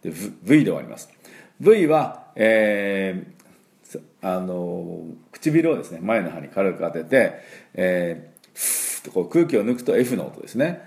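A Japanese-speaking man teaching English pronunciation, repeating each sound slowly for learners and filling pauses with "um" and "well". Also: low-pitched, big pitch swings, vocal fry, darkish tone. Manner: frequent fillers "えー" and "まあ". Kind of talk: pronunciation lesson.

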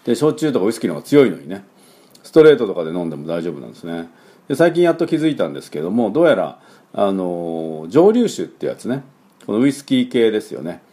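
Deep-voiced man in his fifties, chatty. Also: big pitch swings, dark tone. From Kyushu, Japan. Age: 50s. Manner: rambling and chatty, full of fillers, drills words slowly. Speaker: English teacher and podcast host. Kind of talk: casual talk-show English lesson.

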